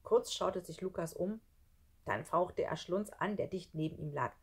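Female audiobook reader, husky and low-pitched, suspenseful storytelling. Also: a little slow. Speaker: audiobook narrator. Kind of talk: children's audiobook reading.

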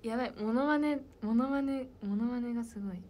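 A young woman, a member of an idol group, chatting casually with fans and answering their questions, soft-spoken and slipping into whispered asides. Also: a little high, a little fast, slight background noise.

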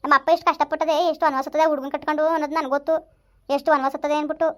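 A woman's voice: sits high, level tone, lightly acted. Woman playing a bitter, resentful young woman. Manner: resentful, rapid complaining. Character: bitter young woman raising her sister. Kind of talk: village family skit.

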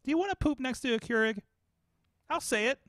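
This podcast host, a man in his forties, has an extremely high-pitched voice and talks briskly. Rambling, animated and self-deprecating, he chats casually into a boom-arm studio mic with headphones on, in a foam-paneled room that leaves no echo.

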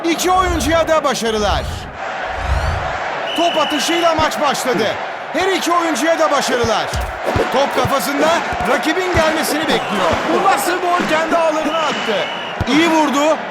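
Screaming football commentator, very high-pitched, excitable, video game match commentary, loud stadium noise. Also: male voice, over a noisy crowd. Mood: excited, screaming. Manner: screaming, drawn-out goal calls.

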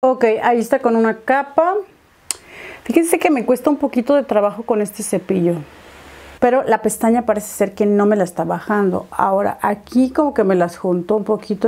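A woman's voice: medium pitch, a little mellow. A young woman talks viewers through her makeup step by step, chatting as she works. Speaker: beauty vlogger. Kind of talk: makeup tutorial chat.

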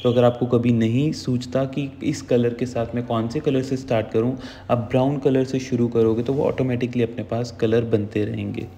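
A man's voice: medium pitch, flat delivery, moderate pace, warm tone, big-room sound. A man talking through a makeup tutorial as the channel's makeup artist, in a chatty, instructive way, mixing English words into his speech.

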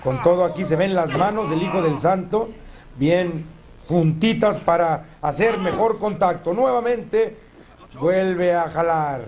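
Male lucha libre commentator, high-pitched, clearly noisy dated TV broadcast sound. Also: measured pace. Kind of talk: wrestling commentary.

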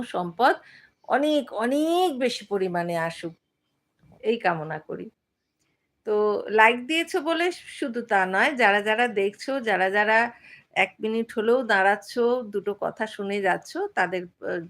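A woman's voice: medium pitch, a bit bright. Chatty woman hosting a live stream. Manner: chatty, many fillers, reads out viewer comments. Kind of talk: casual live chat with viewers.

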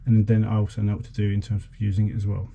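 This is a man in his forties, a vlogger, rattling off an informal and somewhat hesitant demonstration of a boat radio. His low-leaning voice stays monotone while he talks rapid-fire. There's clear background noise in the recording.

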